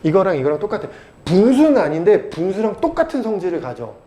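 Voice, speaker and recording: A man's voice: high-pitched, sing-song, quick pace, mellow, a little hiss or hum. A male math teacher giving a casual, blunt lecture, teasing his students and constantly quizzing them.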